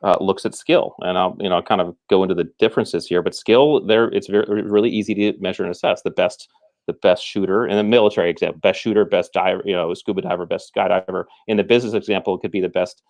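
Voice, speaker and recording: A man with a somewhat low voice speaks as a guest in a conversation. He explains his ideas in a measured way, often restarting his sentences. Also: steady tone, darkish tone. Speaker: guest, former military trainer.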